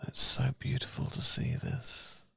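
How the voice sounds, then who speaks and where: A British man does soothing, intimate ASMR in the role of a loving boyfriend, speaking softly and gently and sometimes almost whispering. His voice is low and rumbling, soft, breathy, and gravelly, with a gentle, calming, unhurried manner that suits romantic ASMR and soothing guided meditation. The recording is dry, with the mic placed close in typical ASMR style.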